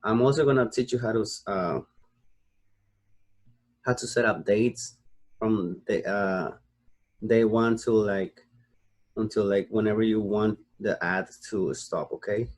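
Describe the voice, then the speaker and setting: A young American marketing tutor, sleepy and a bit mellow, speaks in a lowish voice at a measured pace with long pauses. He explains his screen-recorded tutorial in a rambling way, full of fillers and restarts, often asking "okay?"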